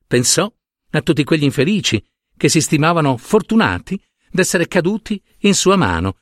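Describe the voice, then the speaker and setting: Expressive male audiobook narrator. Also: fairly high pitch, normal speed, no room sound. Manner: expressive storyteller's delivery. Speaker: reader. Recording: dry close studio sound.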